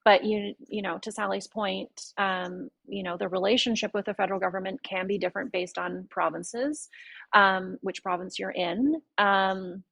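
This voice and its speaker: A Canadian woman on a panel, talking in an earnest, conversational way with plenty of fillers and restarts. Her voice sits at an ordinary pitch. The sound is dry and close, with little room around it. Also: steady tone, normal speed, gravelly, fairly bright tone, slightly rough, no echo. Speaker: guest panelist. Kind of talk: casual panel discussion.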